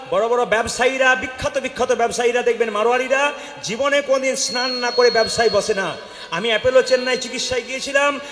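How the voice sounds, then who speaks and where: Bengali guy preaching kirtan style, really high voice, keeps asking the crowd to answer out loud, big echo. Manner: questions the crowd and calls for loud replies. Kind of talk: devotional sermon to a live audience. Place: hall with an audience. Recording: echoey hall with long reverb.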